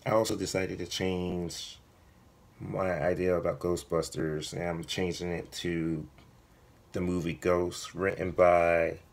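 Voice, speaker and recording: A man with a hoarse voice that is giving out, talking casually to viewers as a vlogger, halting and correcting himself as he thinks aloud. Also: deep voice, flat delivery, slight background noise. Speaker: video blogger, writer. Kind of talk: casual vlog talk to viewers.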